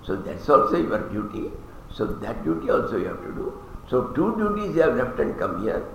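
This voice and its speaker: Man, religious teacher, gravelly voice, chants verses then explains them wryly, very echoey hall. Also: mid-range voice, big pitch swings, normal speed, lo-fi sound. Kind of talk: scripture discourse with Sanskrit verses. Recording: very echoey hall, faint background noise.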